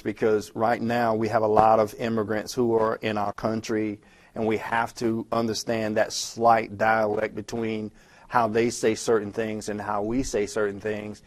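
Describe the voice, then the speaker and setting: A man talking fast and conversationally as he records a lecture walking through a textbook chapter, with frequent restarts. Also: on the low side, darkish tone. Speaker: instructor. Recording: self-recorded lecture audio.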